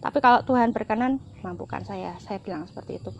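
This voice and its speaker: A middle-aged woman, telling a heartfelt personal story as an interview guest, often repeating herself and swinging between bright and hushed. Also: medium pitch, quick pace, a little hiss or hum. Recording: slightly dull lo-fi sound.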